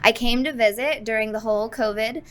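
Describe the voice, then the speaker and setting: A woman in her thirties, a hairstylist and entrepreneur born in Texas and raised in the Northeast US, chats as a guest on a podcast in a casual interview. She is friendly, warm and easygoing, often laughing and using fillers. Her voice is on the high side and smooth, with fairly even intonation and a slightly fast pace.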